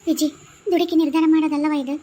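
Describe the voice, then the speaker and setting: Woman playing a cartoon elder woman, firm and consoling, North Karnataka accent, high voice, quick talk. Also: steady tone, dark tone, lightly acted. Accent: North Karnataka Kannada. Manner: firm, soothing counsel.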